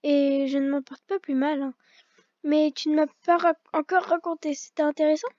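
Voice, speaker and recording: A young woman with a high, dark-toned voice reads visual novel dialogue aloud as a fan, often stumbling and starting lines over. Her intonation stays fairly even at a normal speed, with no echo. It sounds dull and lo-fi, captured on an old gaming headset mic.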